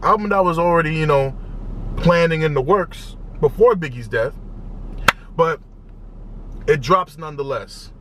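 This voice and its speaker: A young man hosting a music reaction video, talking casually and excitedly in slangy, repetitive bursts. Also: a little high, a little slow, long pauses, a little hiss or hum. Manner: excitable, loud, slangy, repeats himself.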